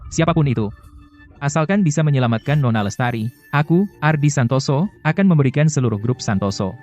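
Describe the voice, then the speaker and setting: A man's voice: medium pitch, animated, fairly quick, a little mellow, highs cut off, faint music behind, close to an everyday voice. A man playing a devoted young CEO in a dubbed TV drama, speaking earnestly and pleading for his beloved. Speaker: company heir.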